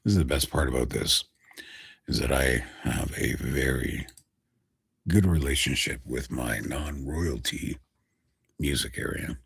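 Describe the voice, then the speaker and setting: A man hosting a casual live stream, a voice actor chatting with viewers in a deep, gravelly voice and a slow, dramatic delivery that drops to a whisper. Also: fairly bright tone, no room sound.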